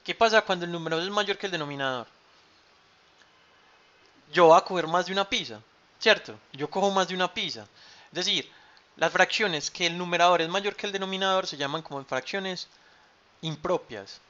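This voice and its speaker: Male math teacher, bright voice, dull lo-fi mic, patient and repetitive. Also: high voice, moderate pace, pauses often. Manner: patient, repeats key terms with frequent ¿cierto?. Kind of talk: online math class. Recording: dull lo-fi sound.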